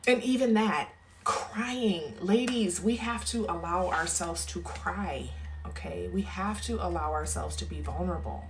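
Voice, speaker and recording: Woman, low voice, wellness coach, motivational talk, emphatic, emotional. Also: slight background noise. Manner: emphatic, keeps adding "okay?"; emotional, close to tears.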